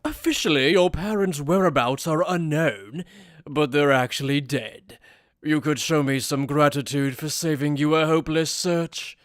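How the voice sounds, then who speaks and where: A man's voice: a little high, moderate pace, dry recording, natural voice. A man playing a smug, sadistic aristocratic death god, with mocking, overacted anime-dub theatrics. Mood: smug, cruel. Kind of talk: anime fan-dub character acting.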